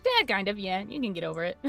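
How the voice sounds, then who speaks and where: A woman running a tabletop game as game master, narrating in a halting, conversational, improvised way. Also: medium pitch, sing-song, gravelly, a bit bright. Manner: halting, conversational storytelling with frequent "like". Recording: music playing behind. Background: background music.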